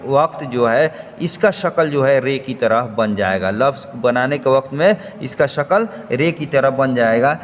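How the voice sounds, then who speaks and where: Slow patient male teacher, echoey room. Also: fairly high pitch. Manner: patient, repeats each point slowly. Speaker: Urdu writing teacher. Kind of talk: slow step-by-step lesson. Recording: faint noise, long hall reverb.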